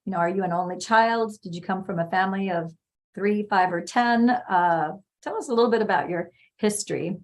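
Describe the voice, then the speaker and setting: A woman's voice: mid-range voice, fairly quick. A woman hosting a live online interview, chatty and upbeat. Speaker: host. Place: home in California.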